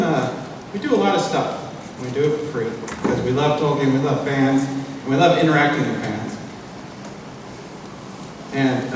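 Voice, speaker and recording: A mid-range male voice hosts a convention panel, presenting casually with lots of fillers and loose phrasing. The large hall is echoey and noisy, and the mic sits far from him.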